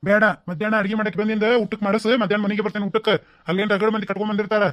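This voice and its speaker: Sly cartoon landlord, North Karnataka accent, rapid-fire coaxing, dry close sound, man voicing him. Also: high voice, no echo. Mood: placating. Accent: North Karnataka Kannada. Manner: coaxing, flattering, evasive. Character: doting, sly village landlord husband. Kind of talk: cartoon voice acting.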